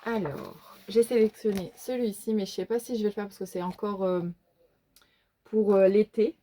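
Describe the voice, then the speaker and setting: A woman's voice: mid-range voice, fairly even intonation, moderate pace, mellow, a little hiss or hum. A woman with a regional French accent chatting casually in a vlog, showing her coloring book collection, hesitant with many fillers and restarts. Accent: regional French, which she says is folkloric. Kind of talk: casual show-and-tell vlog.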